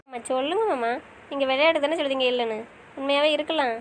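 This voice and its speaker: A woman's voice: sits high, quick pace, slight background noise, close to an everyday voice. A woman playing a young newlywed wife who coaxes and questions her husband in a romantic audio drama. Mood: affectionate. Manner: affectionate, pleading and coaxing.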